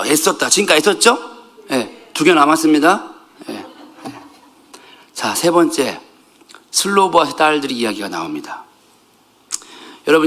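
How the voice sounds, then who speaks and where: A middle-aged male pastor giving a conversational sermon, animated, jumping between loud outbursts and soft asides and joking with the congregation. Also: a little high.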